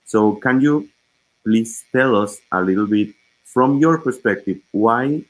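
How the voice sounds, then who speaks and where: A man hosting an online performance event, halting and repeating words as he talks. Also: on the low side, rough recording. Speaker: host. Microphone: video call.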